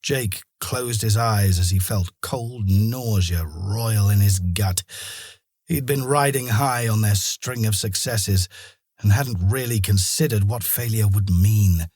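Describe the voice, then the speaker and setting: Low husky male audiobook narrator. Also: slow, dry recording, clean studio sound. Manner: steady storytelling. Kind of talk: scripted narration.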